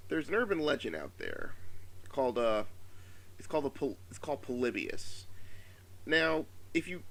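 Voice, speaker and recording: A man with a slightly subdued, sore-throated voice gives a casual, rambling opinion commentary, halting, exasperated and swearing freely. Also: mid-range voice. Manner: profane, exasperated, halting with emphatic stresses. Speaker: solo video commentator.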